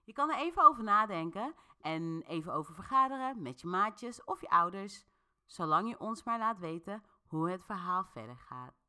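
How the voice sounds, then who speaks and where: Chatty woman storytelling, bright lively voice. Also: mid-range voice, normal speed, smooth. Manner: relaxed, chatty, addressing listeners directly. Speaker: podcast host and storyteller. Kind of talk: interactive storytelling narration.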